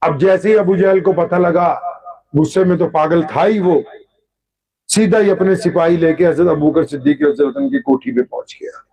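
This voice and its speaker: High-voiced preacher. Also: male voice, expressive, moderate pace, gravelly, mellow, husky, low-quality recording. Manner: dramatic, rising to impassioned. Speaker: Islamic preacher. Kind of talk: storytelling sermon.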